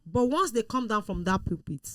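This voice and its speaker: A woman in a casual discussion, telling stories with animated acted-out quotes. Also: mid-range voice, moderate pace, no room sound, studio quality. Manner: animated storyteller, acts out quoted people. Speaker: show guest.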